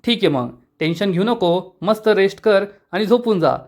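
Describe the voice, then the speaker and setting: An easygoing young hero cracks jokes and reassures his friend, voiced by a male narrator. He sounds relaxed and light throughout. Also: high-pitched, normal speed. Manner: jokey, reassuring.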